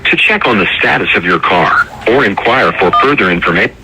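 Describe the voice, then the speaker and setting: A man's lowish voice reads out a recorded phone menu greeting. The delivery is measured and scripted, like an automated message played when a call connects. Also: lively intonation, low-quality recording.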